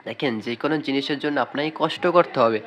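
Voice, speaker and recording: A man's voice: mid-range voice, a little hiss or hum. A young man teaching Quran reading in a video lesson, calling out letter names and asking and answering his own questions. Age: young adult. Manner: calls out letter names loudly and slowly.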